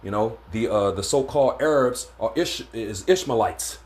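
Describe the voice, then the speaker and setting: A man's voice: on the low side, normal speed. A man giving an informal scripture lesson in a laid-back way, stumbling often and filling gaps with "man" and "uh". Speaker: religious teacher.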